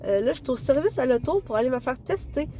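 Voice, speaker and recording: A young woman with a Quebec French accent chats casually to her phone camera while stuffed up from a cold. Her voice is high, animated and warm, moving at a quick pace. She's a vlogger who rambles chattily and fills her talk with lots of fillers.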